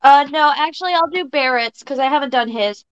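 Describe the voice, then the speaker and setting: A woman's voice: sits high, a little fast, no echo, lo-fi sound. A woman playing a tabletop game, chatting and describing her character's moves. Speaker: player. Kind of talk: casual tabletop play.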